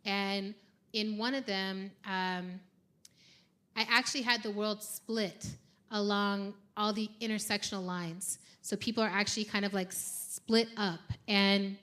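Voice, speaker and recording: Animated woman chatting at a live show. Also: medium pitch, measured pace. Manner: animated, laughs often, quotes herself. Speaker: podcast co-host. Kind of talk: live panel conversation. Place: live event on stage. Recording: uneven live-show sound.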